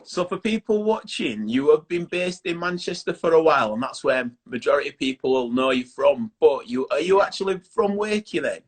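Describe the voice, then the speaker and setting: A man's voice: on the high side, animated, brisk, few pauses. A man with a Yorkshire accent hosting a casual video-call chat show, chatty and upbeat. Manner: chatty, upbeat, plain-spoken.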